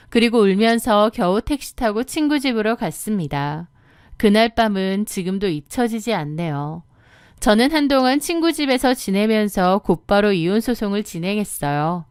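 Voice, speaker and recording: A woman narrating a first-person story as an audiobook, in a calm, even storytelling manner. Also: medium pitch, clear, resonant tone, dry recording, studio quality.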